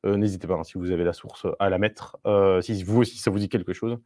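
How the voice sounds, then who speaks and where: A man with a lowish voice talks through a live tech meetup, loose and conversational, hesitating often and dropping in playful asides for his viewers. The sound is close and dry. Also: fairly even intonation, quick pace, darkish tone, no room sound. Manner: conversational, many fillers and restarts, playful asides to the audience. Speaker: Scrum Master giving a meetup talk. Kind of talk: live online meetup talk.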